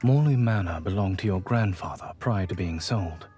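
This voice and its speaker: An actor playing a reserved, formal young noble bachelor in a game, speaking in stiff, old-fashioned phrasing with a refined accent. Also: male voice, deep voice, lively intonation, normal speed, warm tone, soft background music. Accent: non-standard refined accent. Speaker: game character voice.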